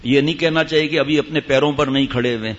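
A man's voice: a little high, steady tone, dull audio. A man giving a stern sermon to a gathering, scolding his listeners with rhetorical questions. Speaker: religious teacher at a mosque retreat.

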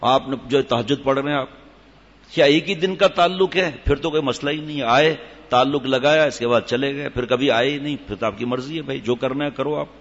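A man giving a sermon in a scolding, emphatic way, reciting Arabic verses slowly. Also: medium pitch, big-room sound, muffled recording. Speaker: preacher.

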